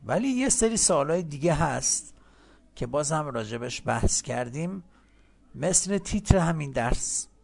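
A gravelly man teaching an English lesson, his pitch swinging widely as he jokes with his learners. He stretches out his English words slowly, then rattles along quickly when he explains in his own language. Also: expressive. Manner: jokey and chatty with learners.

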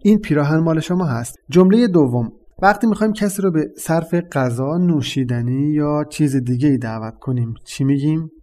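Mellow-voiced man teaching a lesson. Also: a little high, animated. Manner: measured, explanatory teaching tone. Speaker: language teacher and host. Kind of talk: explaining a lesson.

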